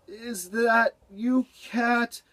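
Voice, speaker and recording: A man's voice: a little high, expressive, measured pace, pitched above the performer's own voice. A man voicing a cheerful, hardworking male beaver who loves to sing, talking in a playful singsong way. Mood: sleepy.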